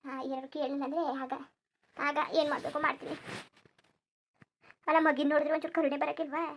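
A woman's voice: high-pitched, level tone, brisk, slight background noise. A woman voicing a put-upon young village daughter-in-law and mother in a cartoon, rambling on with her grievances. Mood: muttering, then indignant. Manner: complaining, rambling grievance monologue. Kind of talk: cartoon voice acting.

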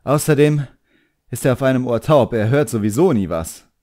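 A man reading an audiobook, voicing an agitated young apprentice magician boy who shouts indignantly. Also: medium pitch, animated, normal speed, pitched above the performer's own voice, natural voice. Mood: dismissive.

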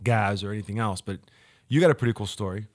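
A man's voice: fairly low pitch, quick pace. Upbeat talkative male host. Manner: upbeat, talkative, repeats words. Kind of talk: casual chat.

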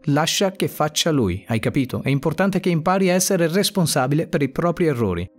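Guy doing a bossy middle-aged neighbor woman, fake sweet and scolding, voice jumps up high. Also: sing-song, brisk, soft background music. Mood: angry. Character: strict controlling middle-aged female neighbor.

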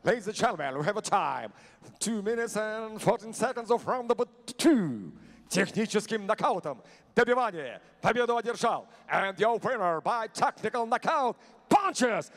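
A man's voice: high-pitched, very animated, normal speed, fairly bright tone. A man working as a ring announcer, with a showy, formal fight-announcer delivery. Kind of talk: fight announcer calling results and rounds. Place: large indoor arena. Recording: echoing arena PA with long reverb.

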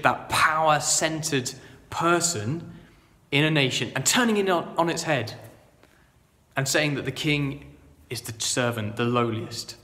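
Earnest preacher in an echoing church. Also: male voice, a little high. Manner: earnest, shifts from loud proclaiming to quiet reflection. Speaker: vicar. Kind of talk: sermon.

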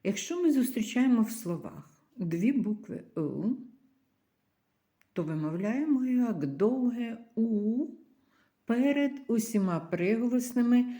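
A woman's voice: on the high side, lively intonation, warm tone. A woman teaching English vocabulary, drawing out each word carefully and pairing it with its meaning. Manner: carefully drawn-out pronunciation of word pairs. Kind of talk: slow vocabulary lesson.

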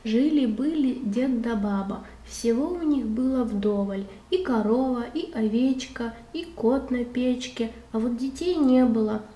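A woman reading a children's fairy tale aloud in an expressive, measured, folksy way. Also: a little high, roomy sound.

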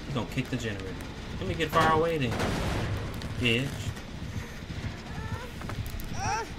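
A man reacting aloud while gaming, exasperated and quick to swear. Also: mid-range voice. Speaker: gamer. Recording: clear noise from game sounds.

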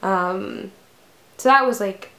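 A woman's voice: mid-range voice, takes it slowly, a bit bright, roomy sound. A woman of twenty-one talking casually to camera in a vlog, rambling with many fillers. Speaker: vlogger.

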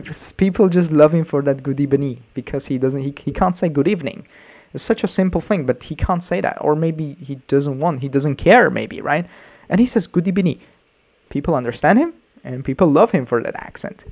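A man's voice: on the high side, a little mellow. Rambling man giving reaction commentary. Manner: rambling, with many restarts and fillers. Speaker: English teacher.

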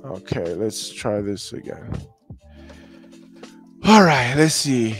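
A man's voice: medium pitch, sing-song, slow, faint music behind. Man muttering through game film. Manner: thinks aloud, repeats phrases, mutters to himself. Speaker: podcast host reviewing game film. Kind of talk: casual film breakdown for a live stream audience.

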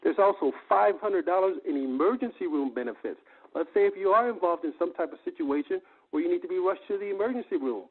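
Speaking quickly and expressively, a sales presenter with a high, raspy-edged male voice pushes one benefit after another on an evening business opportunity call. He is emphatic and repetitive and asks rhetorical questions, and the phone conference line sounds muffled and lo-fi.

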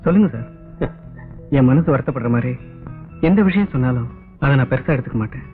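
A man's voice: medium pitch, animated, brisk, lightly acted. An actor playing a reserved, polite young writer who keeps his distance. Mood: apologetic. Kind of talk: 1980s Tamil film dialogue. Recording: tinny old film soundtrack with faint music.

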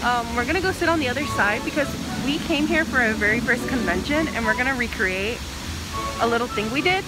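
A woman's voice: fairly high pitch, lively intonation, a little fast, rough recording. A young woman in her twenties vlogging at a convention outdoors, chatty and giggly, talking through a face mask. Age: 20s. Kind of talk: casual convention vlog. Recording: loud music behind.

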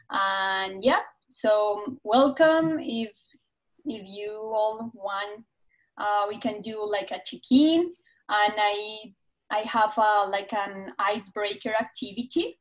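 A woman's voice: mid-range voice, poor audio. Hesitant young woman hosting a video call. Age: young adult. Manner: hesitant, searching for words. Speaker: host of a museum reading club.

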